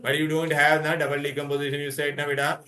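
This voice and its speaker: Fast, bright-voiced Indian man teaching. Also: on the high side, monotone. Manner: mixes Hindi into English, prodding students with repeated questions and endearments. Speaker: chemistry teacher. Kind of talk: interactive revision class.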